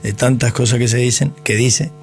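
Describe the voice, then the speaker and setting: A man jokes around and bantering as a host, repeating himself for effect. His voice sits at an ordinary pitch, with faint music underneath. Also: fairly even intonation, moderate pace. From Argentina. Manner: playful, joking, repetitive. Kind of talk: casual banter.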